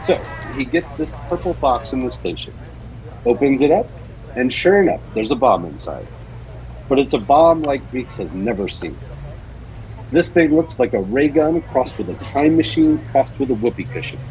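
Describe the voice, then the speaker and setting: A man's voice: mid-range voice, animated, moderate pace, a little mellow, a little hiss or hum, rough recording. Man hosting a spooky-story podcast. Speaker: podcast co-host. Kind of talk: casual chat and dramatic story reading.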